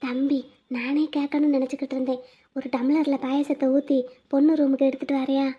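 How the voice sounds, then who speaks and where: A woman voicing a young village woman, the bride and elder sister in a cartoon, with a drawn-out, whiny delivery. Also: sits high, little pitch movement, highs cut off, lightly acted. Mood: pleading. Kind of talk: Tamil cartoon voice acting.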